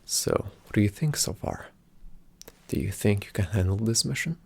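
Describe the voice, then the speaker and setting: In a whispered ASMR roleplay, a man plays a calm, attentive spy agent briefing his partner. His hushed, deliberate instructions come in a soft, breathy, slightly creaky voice that sits on the low side.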